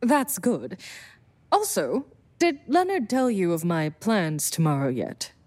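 A woman's voice: mid-range voice, sing-song, takes it slowly, darkish tone. A woman voicing a confident, protective female vampire sire with a wry, self-assured manner in an audio drama.

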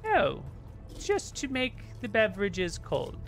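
A man's voice: high voice, huge pitch swings, takes it slowly, gravelly, a bit bright, soft background music, voice pushed up, heavily acted. A man voicing an ambitious, haughty female sorcerer in a tabletop game, speaking in a grandiose, condescending manner. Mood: guarded.

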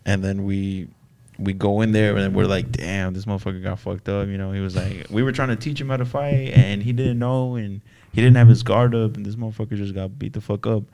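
A man's voice: lowish voice, steady tone, a little fast, warm tone. A young man telling stories in casual group chat, talking like a frat bro with heavy swearing and slang. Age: young adult.

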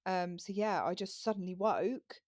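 Lively woman, dry close sound. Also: medium pitch, normal speed, no echo. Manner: lively, laughs often, acts out voices in stories. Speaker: podcast co-host. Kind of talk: casual chat.

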